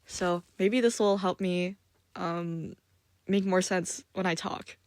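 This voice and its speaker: A woman with a fairly low voice rambles through a solo podcast review, leaning on "like" and "um" as she goes. Her talk is loose and unscripted, with self-conscious little apologies. The sound is dry and close, with no room around it. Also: fairly even intonation, slow, darkish tone, no echo. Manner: rambling, filler-heavy, frequent "like" and "um". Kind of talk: casual unscripted monologue.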